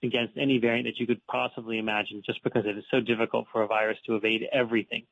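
Fast-talking male medical expert on radio line. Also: lowish voice, little pitch movement, creaky, a bit bright, no room sound. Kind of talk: live interview answers. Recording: narrow radio phone-like line.

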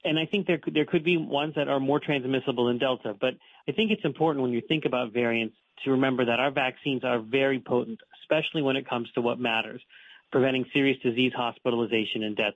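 A man's voice: mid-range voice, no echo. A man giving explanatory, emphatic interview answers as a medical expert guest. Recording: narrow radio phone-like line.

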